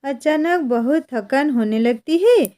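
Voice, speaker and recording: A woman voicing a lazy, greedy village wife with a huge appetite, who talks in drawn-out exclamations. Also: high-pitched, expressive, mellow. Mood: delighted.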